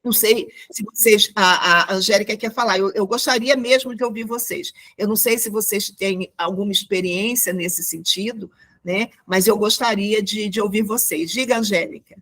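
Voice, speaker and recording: A woman's voice: mid-range voice, moderate pace, a bit bright. A woman from Brazil teaching an online class, telling a story and reflecting aloud with many fillers and restarts. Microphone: video call.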